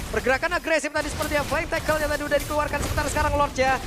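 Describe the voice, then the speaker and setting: High-pitched male esports caster. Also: little pitch movement, rapid-fire, music in the background. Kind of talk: excited esports play-by-play commentary.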